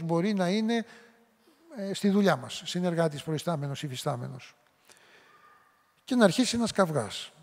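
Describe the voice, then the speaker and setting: A man's voice: fairly high pitch, creaky, darkish tone. A middle-aged man giving a public lecture in a conversational way, now and then acting out short quoted lines. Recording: long hall reverb.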